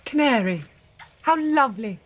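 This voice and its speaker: An actress playing an upper-class English wife in a period television drama, with a clipped, politely barbed manner and an English accent. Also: female voice, high voice, expressive, normal speed, a little hiss or hum.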